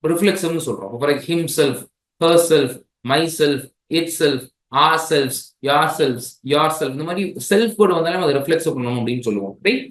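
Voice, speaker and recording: A man with a Tamil accent teaches an exam-prep grammar class in a slightly higher voice. He keeps checking in with his listeners as he explains. The room is echoey. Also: moderate pace, fairly bright tone. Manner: mixes languages, checks in with "right?".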